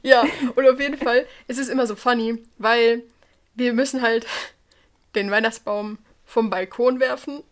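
Animated young woman telling stories. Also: on the high side, moderate pace. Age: teens to young adult. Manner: animated storyteller, teasing, mixes in English words. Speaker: podcast co-host. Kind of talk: casual chat.

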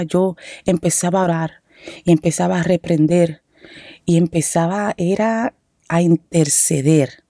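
A woman's voice: lowish voice, dark tone, dry recording, clean studio sound. Earnest young woman telling her story. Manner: earnest, repeats phrases for emphasis. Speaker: podcast host. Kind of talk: personal faith testimony.

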